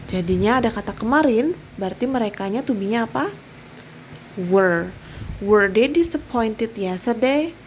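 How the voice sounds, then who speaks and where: A woman's voice: medium pitch, darkish tone, a little hiss or hum, poor audio. A young woman with an Indonesian accent, an English teacher explaining grammar step by step in a recorded online lesson, mixing in English phrases and answering her own questions.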